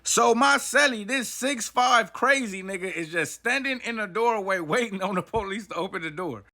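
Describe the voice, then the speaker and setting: A man's voice: high-pitched, lively intonation, moderate pace, sharp tone. A man telling a personal story in a casual, profane, slang-heavy way. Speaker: vlogger. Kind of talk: storytime monologue.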